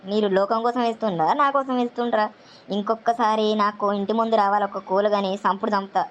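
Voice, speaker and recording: A woman with a Telangana Telugu accent playing a quarrelsome village woman who curses loudly at stray hens. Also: medium pitch, steady tone, fast, a little hiss or hum, close to an everyday voice. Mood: ranting. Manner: loud cursing rant.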